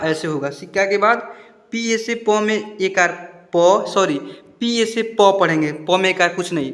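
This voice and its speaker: A man's voice: high-pitched, a bit bright, reverberant, long reverb tail. A man teaching a spelling lesson, patiently sounding out words and checking that the students follow. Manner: patient, repeats words slowly and checks understanding.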